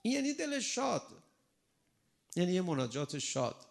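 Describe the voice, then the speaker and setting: A man preaching a sermon in an animated way, acting out a crying child and the replies to it. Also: high-pitched, gravelly.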